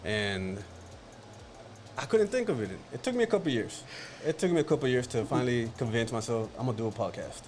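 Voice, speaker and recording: A man from Dallas in his thirties co-hosting a casual sports podcast, joking and animated. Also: medium pitch, fairly quick, slight background noise. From Dallas, Texas. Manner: joking, animated, laughs easily. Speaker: podcast co-host.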